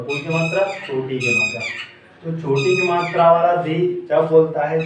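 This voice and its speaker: A man's voice: fairly high pitch, background noise. Echoey, distant male pronunciation teacher. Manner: repeats questions and answers them drill-style. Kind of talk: online classroom lesson. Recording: echoey room, mic at a distance.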